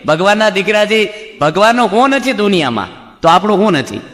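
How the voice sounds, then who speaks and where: A monk gives a jokey sermon in a fairly high voice, turning to the crowd with questions again and again. His voice rings through a long-echoing hall, with soft music underneath. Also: very animated, fairly quick. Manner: jokey, keeps asking the audience questions. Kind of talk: humorous sermon. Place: assembly hall before a seated audience. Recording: reverberant hall with faint music.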